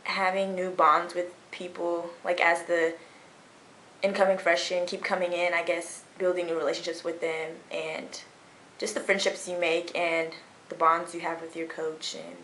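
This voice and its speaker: A 21-year-old woman, a college runner, answering interview questions in an easygoing way that trails off softly. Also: fairly low pitch, little pitch movement, moderate pace, a little hiss or hum. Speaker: college cross-country runner. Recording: echoey room.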